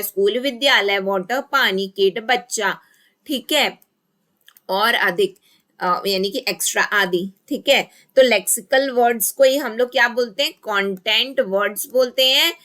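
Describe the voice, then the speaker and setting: Woman teacher, exam-prep lecture, very slow dictation, asks and answers her own questions. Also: fairly high pitch, sharp tone. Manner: slowly dictates key terms word by word while writing.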